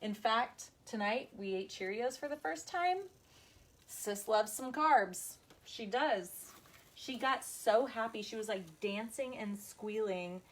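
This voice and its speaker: A woman hosts a craft livestream. She chats in a bubbly, easygoing way, reading out viewer comments and talking straight to her audience. Her voice sits at an ordinary pitch for a woman. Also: slight background noise, rough recording. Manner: chatty, bubbly, says y'all, reads out viewer comments. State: tired, busy mother. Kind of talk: casual chat on a live video.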